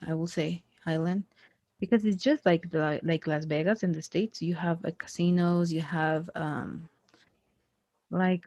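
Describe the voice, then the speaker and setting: A woman working as a conversation tutor chats casually in a one-on-one practice session, with plenty of fillers and restarts. Her voice is lowish and darkish in tone, and the recording is dry.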